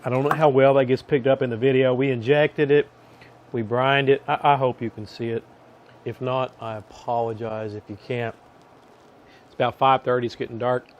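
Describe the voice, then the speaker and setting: Male cooking-vlog host, mid-pitched, easygoing and conversational, recorded outdoors at the grill. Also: normal speed, muffled recording, a little hiss or hum. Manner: relaxed, chatty, talks to viewers while tasting. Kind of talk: casual cooking vlog narration.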